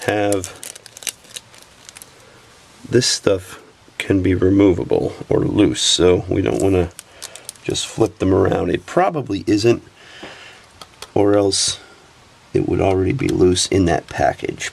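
At an indoor workbench, a sniffly repair technician talks through fixing a camera step by step, relaxed and busy with his hands. His voice is low and creaky, his pace slow with long pauses, and a little hiss or hum is audible.

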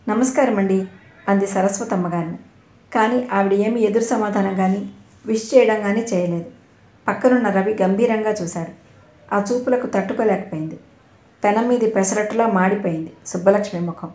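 A woman narrating a novel aloud with steady, expressive storytelling. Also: medium pitch. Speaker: audiobook narrator. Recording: roomy echo.

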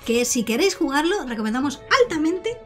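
A woman with a Spain accent comments casually on a game in a somewhat high voice. She is joking and sarcastic, with some music behind her. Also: expressive, quick pace. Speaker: let's play streamer.

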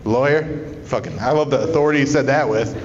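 A man's voice: mid-range voice, fairly quick, heavy background noise. Stand-up comic, male, loose sweary crowd-work banter; muffled live sound in a reverberant room. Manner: casual, conversational, profane. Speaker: stand-up comedian. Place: small live comedy show in a climbing gym. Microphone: handheld stage microphone, recorded from the audience. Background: audience laughter.

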